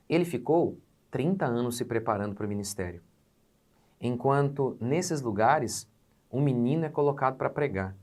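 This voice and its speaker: A Brazilian pastor in his forties teaching a sermon with a direct, emphatic delivery. He peppers his points with rhetorical questions to the listener and swells louder on the words he wants to land. His speech stays conversational between those surges. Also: mid-range voice. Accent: Brazilian Portuguese. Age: 40s.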